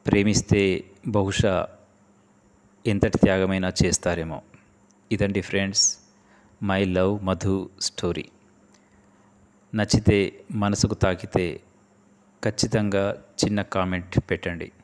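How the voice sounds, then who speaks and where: A man narrating an emotional first-person love story in a soft, heartfelt storytelling manner. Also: deep voice, flat delivery, slow, long pauses. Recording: long reverb.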